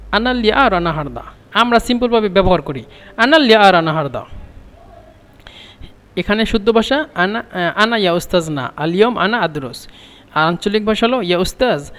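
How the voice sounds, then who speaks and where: Male language teacher, high voice, repeats lines slowly and explains them, recorded in a reverberant space. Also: fairly bright tone. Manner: repeats phrases slowly, then translates and explains. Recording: long reverb.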